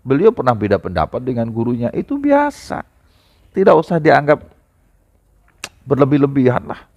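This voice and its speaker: A man preaching a sermon to a gathering, speaking to the audience directly and rising into emphatic high outbursts. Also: big pitch swings, normal speed, a little mellow.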